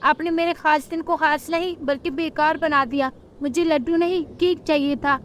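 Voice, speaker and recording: A woman voicing a sulky, demanding little girl bird in a cartoon, with a high childish whine. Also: steady tone, normal speed, a little hiss or hum, lightly acted.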